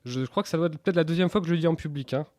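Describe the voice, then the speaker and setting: A man in his thirties speaks in a fairly high voice with very little room sound. He answers interview questions candidly and earnestly, often hesitating and restarting on a repeated word. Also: rapid-fire, a little mellow, no echo, clean studio sound. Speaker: interview guest, entrepreneur.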